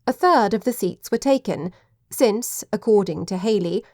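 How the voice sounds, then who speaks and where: A woman reading audiobook narration in a measured, even way. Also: mid-range voice, no echo, studio quality. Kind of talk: scripted narration.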